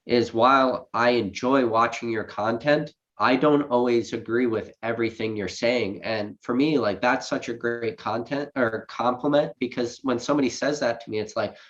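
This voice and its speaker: Man, rambling, quick speech, many restarts, muffled low-fi audio. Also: steady tone, a bit bright. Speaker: guest collector. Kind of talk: casual live stream chat.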